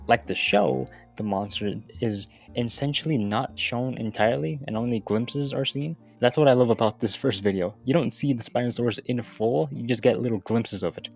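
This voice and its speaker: A man with a lowish, darkish voice narrates a video essay casually and informally, tossing in wry, sweary asides over background music.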